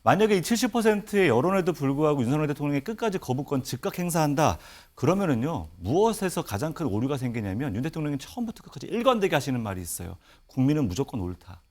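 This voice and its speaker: A man on a TV political panel, arguing with sharp rhetorical questions. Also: fairly high pitch, sing-song, fast talker, few pauses. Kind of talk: political debate on TV.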